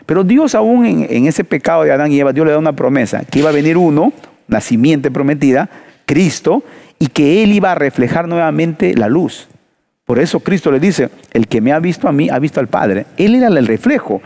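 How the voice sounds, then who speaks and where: A man's voice: fairly high pitch, sing-song, brisk, gravelly, warm tone. A man preaching in a panel discussion, asking rhetorical questions and telling stories with emphasis.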